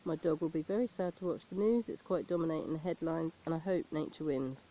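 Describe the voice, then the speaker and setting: A woman performing a deadpan comic monologue as a stand-up comedian, reeling off lists of jokes in a dry, flat delivery. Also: deep voice, fairly quick, a little hiss or hum, rough recording. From abroad, not England. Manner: deadpan list-making delivery.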